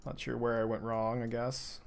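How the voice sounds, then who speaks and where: While playing a card game for viewers, a young man from Texas, USA, offers dry, sarcastic casual commentary and thinks out loud with his audience. He has a mild urban Texan accent and a creaky, clean mid-range voice with little pitch movement at a moderate pace.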